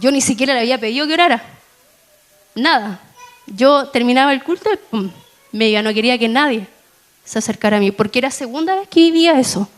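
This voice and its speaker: A woman shares her testimony from the pulpit in a fairly high voice. She speaks slowly and with deep emotion, sinking into soft, hushed passages before rising in sudden raised peaks. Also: animated, low-quality recording. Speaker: church speaker giving testimony. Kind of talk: sermon testimony. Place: church.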